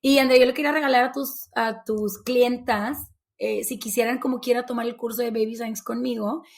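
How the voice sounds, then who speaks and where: A woman's voice: on the high side, steady tone, brisk, vocal fry. A Mexican woman, a baby sign language instructor, chatting as an interview guest and acting out little exchanges with her kids. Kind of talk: casual interview chat.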